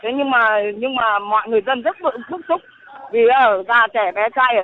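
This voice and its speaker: A woman calling in as an eyewitness, speaking in a halting, indignant way over the phone. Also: fairly high pitch, slight background noise. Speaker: eyewitness caller. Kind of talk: phone interview. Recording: tinny phone line.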